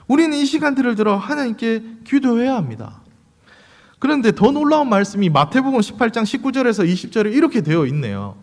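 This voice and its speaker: A man, his voice sitting high and moving lively across its range. He keeps the congregation engaged with rhetorical questions and light humor. A long church reverb trails each phrase. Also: fast. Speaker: pastor. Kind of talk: sermon. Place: church sanctuary.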